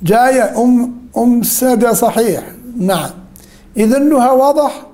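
Guy with a really high voice teaching a class, keeps asking questions, says well done or wrong, repeats stuff slowly. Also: lively intonation, dark tone. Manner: quizzes students, then praises or corrects them; repeats key phrases slowly and deliberately. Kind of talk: interactive class, quizzing students.

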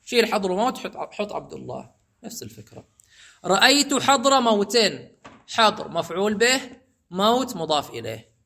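High, bright-voiced male grammar teacher. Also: big pitch swings, vocal fry. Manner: explains step by step, repeats examples slowly. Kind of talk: Arabic grammar lesson.

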